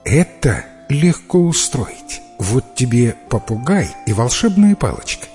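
A man's voice: medium pitch, very animated, measured pace, dark tone, faint music behind. A man reading a fairy tale, voicing a kind magical lady who coaxes a shepherd boy. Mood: coaxing. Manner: coaxing, persuasive. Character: kindly magical lady, woman, coaxing.

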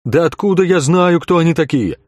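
A man voicing a heavy-set male innkeeper who shouts in loud, indignant accusations. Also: on the high side, a little fast, no echo, clean studio sound, pitched above the performer's own voice, close to an everyday voice.

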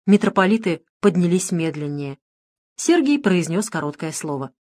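A woman narrating an audiobook in a calm, measured storytelling manner. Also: fairly low pitch, dry recording.

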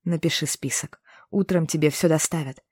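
A woman voicing a calm young male inquisitor who explains things patiently and teases gently. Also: low-pitched, moderate pace, husky, dry recording, studio quality. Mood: amused.

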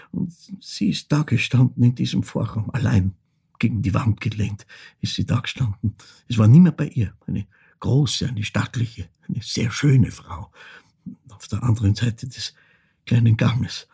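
An older actor with an Austrian accent plays a reflective ageing man recalling his wartime childhood in a literary monologue of dramatic storytelling. His gravelly, husky voice sits on the low side and is heavily acted. He speaks in a halting, deliberate, hushed manner with broken phrasing.

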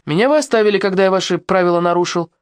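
A woman's voice: mid-range voice, very fast, pitched above the performer's own voice, natural voice. A woman reading an audiobook, voicing a stubborn, principled teenage boy who argues his point earnestly. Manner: earnest, reasoning.

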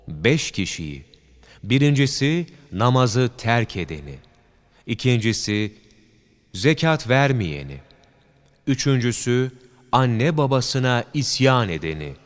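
A man reading a religious book aloud in a measured, solemn narration. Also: mid-range voice, sing-song. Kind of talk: scripted religious audiobook narration. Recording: long hall reverb.

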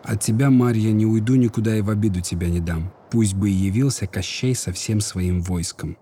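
Brief: a man reading a brave young folk hero, reassuring and tender, somewhat raised and louder than the narration. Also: fairly low pitch, fairly quick, a little hiss or hum, lightly acted.

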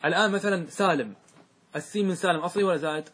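A man's voice: high voice, very fast, fairly bright tone, slightly rough. A man teaching a grammar lesson in a classroom, quizzing his students and having them answer back. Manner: questioning, drills students in call and answer.

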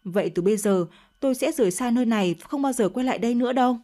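A woman's voice: on the high side, racing, dark tone, close to an everyday voice. A woman voicing a young man who rejects his older lover in a read-aloud story. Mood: scornful. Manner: pleading, then scornful. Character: young man, torn then disgusted lover.

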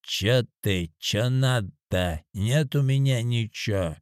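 A man's voice: mid-range voice, slow pace, smooth, no room sound, clean studio sound, lightly acted. A man voicing a drowsy drunk grown man in a storybook reading, mumbling and slurring.

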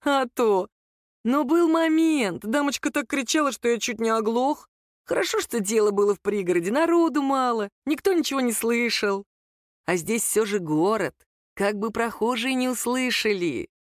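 A woman voicing a lanky, menacing male thug who mocks his victim in a slow, sneering drawl. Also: a little high, animated, no room sound, clean studio sound, voice pushed up, natural voice.

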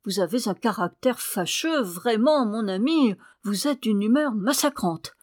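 Une femme qui prête sa voix à une jeune épouse coquette et piquée, au ton faussement angélique. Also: female voice, a little high, lively intonation, measured pace, darkish tone, no room sound, clean studio sound. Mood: piqued. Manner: piqued, affected sweetness. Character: coquettish, prickly young wife at bedtime.

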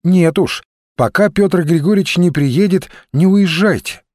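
A man reading an audiobook, voicing a brisk, bossy young woman who gives firm orders. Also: expressive, a little mellow, no echo, studio quality. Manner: raised pitch, firm and commanding.

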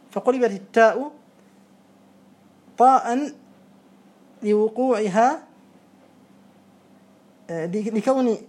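A teacher giving a classroom lesson, explaining step by step, repeating each example and putting questions to a student. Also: mid-range voice.

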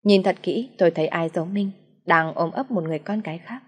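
A woman narrating a first-person story in a sad, steady reading voice. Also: fairly low pitch, a little fast, slightly rough, long reverb tail.

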